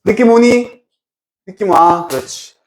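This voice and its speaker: A Korean-speaking English teacher explaining a reading passage to students. Reads English phrases slowly, translates them, and often checks in with rhetorical questions. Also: mid-range voice.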